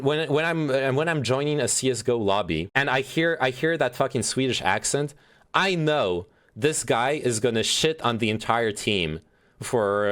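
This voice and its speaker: Reading chat aloud and reacting as he goes, a young man chats about politics on a stream, swearing freely amid frequent fillers and restarts. His voice is mid-range and fairly bright.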